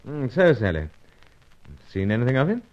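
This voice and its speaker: In this 1950s radio drama, a man voices the narrator and lead, a suave British secret agent with a pipe. He speaks low and animated at a normal speed, close to an everyday voice, in clipped upper-class British tones muffled as he puffs away. The vintage recording is dull.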